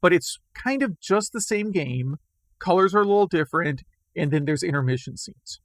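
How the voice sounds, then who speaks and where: A man co-hosting a casual retro gaming podcast chat, rambling and self-deprecating, his voice going hoarse. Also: a little high, expressive, moderate pace, dry recording. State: losing his voice. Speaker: podcast co-host.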